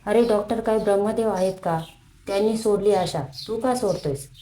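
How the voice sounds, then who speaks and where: A woman voicing a mysterious, calm old male beggar saint who gently chides. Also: medium pitch, normal speed, roomy sound, close to an everyday voice. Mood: calm chiding.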